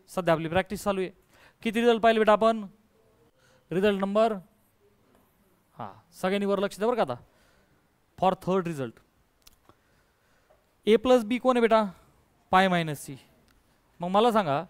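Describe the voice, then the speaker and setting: A man's voice: high-pitched, clean tone, no echo. A male math teacher giving a call-and-response lesson, coaxing and quizzing his students and mixing in English terms. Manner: coaxing, quizzes students, calls them dear.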